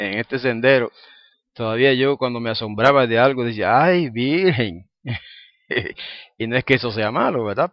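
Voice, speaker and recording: A man's voice: medium pitch, dry recording, muffled recording. A man preaching an informal sermon to a congregation, constantly checking in with the listeners and chuckling now and then. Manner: conversational, asks the listeners "¿ah?" and "¿verdad?" often; chuckles between points.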